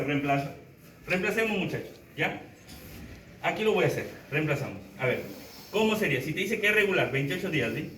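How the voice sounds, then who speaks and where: Animated male teacher in an echoey classroom. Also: a little high, far from the mic, slight background noise. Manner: animated, counting aloud while writing on a board. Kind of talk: classroom lecture.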